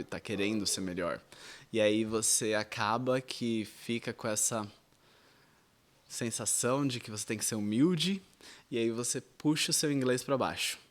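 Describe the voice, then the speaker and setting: A Brazilian man in his thirties with a Brazilian Portuguese accent, speaking at an ordinary mid pitch as he teaches in a video lesson. He explains things conversationally and talks straight to the viewer. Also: fairly bright tone. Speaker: English teacher.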